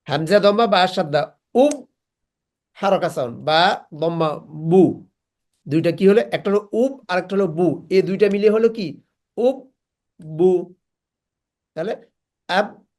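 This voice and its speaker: A woman's voice: lowish voice, darkish tone. A woman teaching Quran recitation in an online class, patiently repeating syllables aloud for students to copy. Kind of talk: slow online class instruction.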